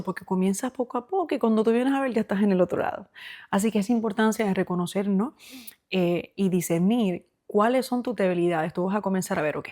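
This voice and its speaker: A woman's voice: medium pitch, warm tone. Earnest woman preaching on a faith podcast. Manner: earnest and exhorting, addresses the listener as "hermano"; shares personal testimony. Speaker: podcast host. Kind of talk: faith talk, preaching to the listener.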